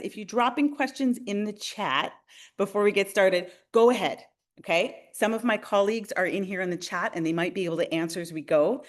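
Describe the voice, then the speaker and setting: A woman in her forties from Canada, a realtor hosting a webinar, who talks in a friendly, enthusiastic way and speaks straight to her viewers. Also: mid-range voice. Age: 40s. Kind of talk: upbeat webinar presentation.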